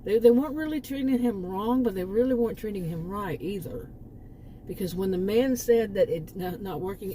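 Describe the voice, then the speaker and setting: Speaking in a mellow, mid-range voice with a Texas accent, this channel host rambles through a casual monologue full of restarts and asides. The audio is poor, with a slight hiss or hum.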